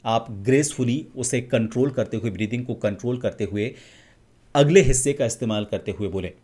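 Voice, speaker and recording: A man, explaining voice techniques as a coach in a calm, measured teaching manner. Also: mid-range voice. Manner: calm, measured teaching, demonstrating vowels and humming. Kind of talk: instructional explanation.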